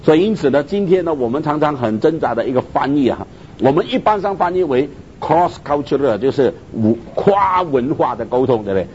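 A man delivers a sermon on missions, his slightly high voice leaping through a very lively pitch range. He keeps asking his listeners whether they follow, dropping English terms into his speech. The recording sounds dull and lo-fi, with a faint rumble underneath. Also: a little fast. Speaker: preacher on missions.

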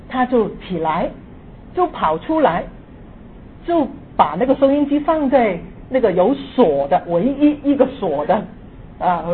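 Older woman telling a ghost story. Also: mid-range voice. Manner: lively, swings between hushed and excited. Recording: tinny phone-like audio with faint hiss.

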